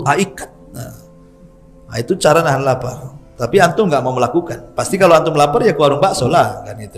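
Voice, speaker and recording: A middle-aged man, preaching in a lively, chatty storytelling style and joking with his listeners. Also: fairly high pitch. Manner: lively, chatty, jokes with the audience. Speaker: Islamic preacher. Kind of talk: storytelling sermon.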